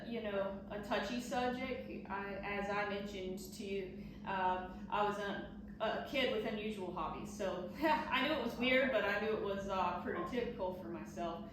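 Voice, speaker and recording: Woman, mid-pitched voice, from the Southern US, casual explanatory interviewee, very echoey noisy room. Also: normal speed, far from the mic. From Southern United States. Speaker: taxidermist being interviewed. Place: echoey indoor workshop.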